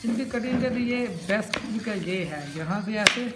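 A home cook with a mid-range voice talks at a normal speed as she walks through a recipe at her kitchen table, chatting, repeating each step, and admiring the food. The indoor recording sounds roomy, with loud background noise.

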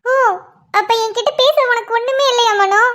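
A woman's voice: very high-pitched, normal speed, fairly bright tone. A woman voicing a young cartoon girlfriend who teases and nags, twisting every reply into a complaint. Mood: teasing complaint. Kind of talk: cartoon voice acting.

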